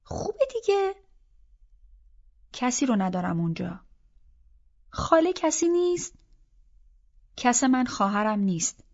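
A woman reading the lines of a worried older mother who speaks with soft, subdued reproach, in an audiobook. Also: fairly high pitch, sing-song, long pauses. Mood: hurt. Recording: slightly dull audiobook recording.

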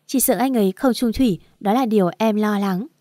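A woman's voice: medium pitch, a little fast, warm tone, no echo, studio quality, close to an everyday voice. A woman voicing a sly, scheming young woman who speaks sweetly. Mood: confiding.

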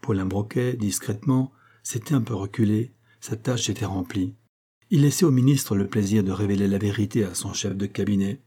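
A man reading a classic novel aloud as an audiobook narrator, in a measured, even way. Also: on the low side, slightly rough.

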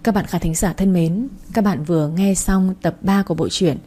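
A woman storyteller reading a story in a steady, even scripted narration. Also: fairly low pitch, normal speed.

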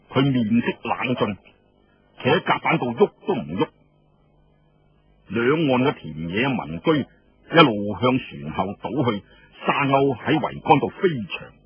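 With a husky, mid-range voice and no echo, a Cantonese-accented man spins a dramatic, colloquial tale full of conversational asides. It comes through as dull lo-fi radio-style audio with a little noise.

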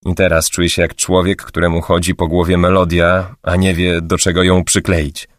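A man's voice: low-pitched, monotone, normal speed, no echo, clean studio sound, close to an everyday voice. A man voicing a curious young woman who chats casually while feigning innocence in an audiobook. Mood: coy, chatty.

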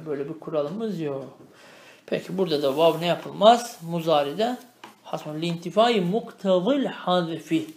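A man teaching a traditional grammar lesson. He reads Arabic phrases slowly, explains them, and keeps asking the student questions. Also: fairly high pitch, darkish tone, roomy sound. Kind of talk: traditional religious lesson, explaining a text line by line.

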